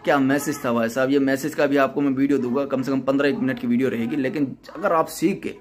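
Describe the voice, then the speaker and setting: A man's voice: medium pitch, steady tone, fast, a little hiss or hum. A man hosting his own channel, giving an earnest motivational talk and repeating his points in a preaching way. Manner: earnest, repetitive preaching delivery. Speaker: YouTube channel host.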